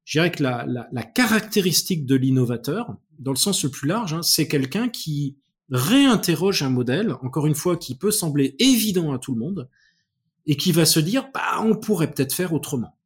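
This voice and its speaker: A man with a slightly husky voice talks as an interview guest, laying out his ideas at length. He restarts often, repeating small words as he searches for the right phrase, but keeps a thoughtful, explanatory tone. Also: on the high side, expressive, moderate pace. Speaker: guest expert on innovation.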